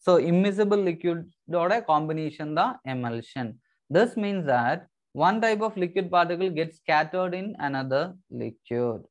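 A man's voice: fairly high pitch, animated, brisk. A man in his thirties with a South Indian Tamil accent teaching a science lesson, switching between English and Tamil and repeating key phrases in a didactic way.

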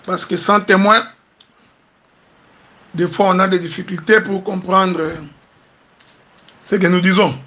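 A man with a Congolese French accent preaching a sermon, rising to animated emphasis and often asking his listeners whether they understand. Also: high voice, takes it slowly, pauses often. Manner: asks the congregation "do you understand?".

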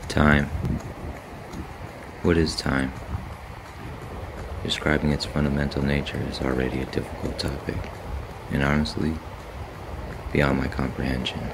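A man in his thirties giving a measured, contemplative scripted voice-over for a vlog. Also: very deep voice, level tone, background noise. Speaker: vlogger. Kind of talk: scripted reflective voice-over narration.

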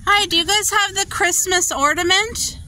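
A woman's voice: very high-pitched, moderate pace, bright, forceful tone, slight background noise. A woman ordering food at a drive-through from her car, polite and upbeat, with a few hesitant ums. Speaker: vlogger.

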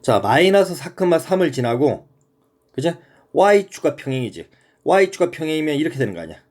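A man's voice: a little high, very animated, normal speed, darkish tone. A man teaching a middle-school math lesson in a casual, conversational way, often checking that the student follows.

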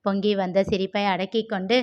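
A woman narrating a novel aloud and voicing its characters, expressive in her reading. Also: mid-range voice, fairly quick. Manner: expressive, switches between narration and character dialogue. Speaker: audiobook narrator. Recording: dull lo-fi recording.

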